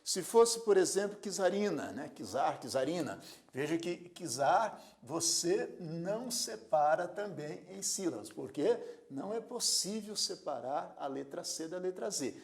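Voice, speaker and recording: This classroom lecture features a male grammar teacher whose lively, gravelly voice delivers material slowly and with care. He repeats words syllable by syllable and asks the learner rhetorical questions along the way.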